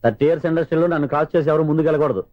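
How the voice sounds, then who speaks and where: A man's voice: on the high side, racing, a little mellow, soft background music, natural voice. An actor playing a vain veteran film actor who keeps bragging about his thirty years in the industry, in a film comedy scene. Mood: pompous. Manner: self-important, mockingly approving.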